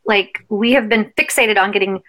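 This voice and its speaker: A woman's voice: mid-range voice, normal speed, fairly bright tone, low-quality recording. An American woman chatting casually as a podcast co-host, recorded at home in a bedroom.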